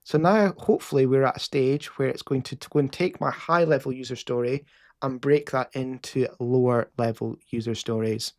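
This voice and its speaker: A man's voice: medium pitch, normal speed. A man with a Scottish accent casually explaining a live coding session as host, with frequent fillers and restarts.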